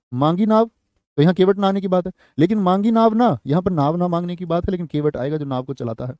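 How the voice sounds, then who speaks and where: A young man with a high, mellow voice teaches an exam-prep class, drawing out each phrase and saying it again so students can copy it. The sound is close and dry, with no room around it. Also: no room sound. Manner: slow, repeats phrases for dictation, addresses students.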